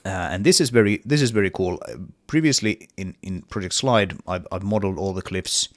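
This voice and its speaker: Speaking briskly in a low voice with no echo, a man walks through his game level in a casual, hesitant devlog full of fillers. He's an indie game developer with a cold and a partly lost voice.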